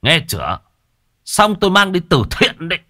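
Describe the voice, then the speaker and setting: A man playing a stubborn, furious village father who scolds his wife fast and loud. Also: sits high, huge pitch swings, pitched above the performer's own voice, exaggerated voice. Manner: scolding, rapid and shouting.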